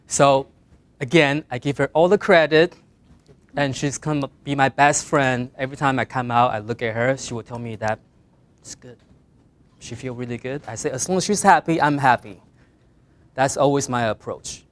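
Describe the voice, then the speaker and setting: Design students hear earnest, straightforward career advice from a middle-aged guest speaker whose English, a second language, carries a Mandarin Chinese accent. His mid-range voice keeps a moderate pace, rising with emphasis on key points and trailing off softly as phrases end.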